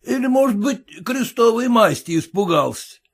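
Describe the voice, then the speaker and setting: A man's voice: extremely high pitch, lively intonation, moderate pace, husky, voice pushed up, full character voice. A man voicing a group of mocking merchants who jeer at a card player in a story reading. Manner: teasing, mocking banter.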